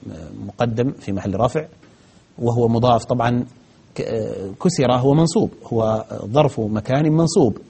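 On a broadcast grammar lesson, a man answers viewer questions methodically, step by step, hesitating often. His voice is medium-pitched and warm, with a breathy edge.

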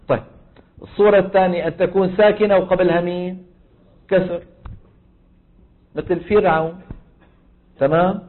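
A man leads a Quran recitation lesson, his voice sitting a little high. He keeps quizzing the class and then supplies the answers himself. The sound is narrow and tinny, like a phone line.

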